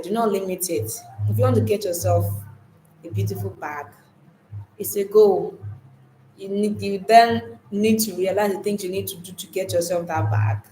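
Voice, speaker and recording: A woman's voice: mid-range voice, dark tone, slight background noise. A woman teaching a live online class on goal setting in a casual, chatty way, often restarting and repeating her words. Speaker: online course instructor. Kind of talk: live-streamed lesson, casual. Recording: roomy, faint ambience.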